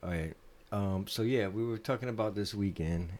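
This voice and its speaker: A man's voice: on the low side, moderate pace, darkish tone, slight background noise. A man co-hosting a podcast, laid-back and teasing in casual chat. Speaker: podcast co-host.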